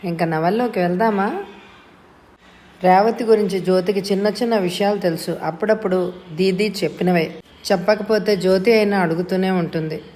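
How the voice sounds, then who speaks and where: Woman audio-novel reader, mid pitch, steady storytelling. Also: normal speed. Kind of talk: storybook narration.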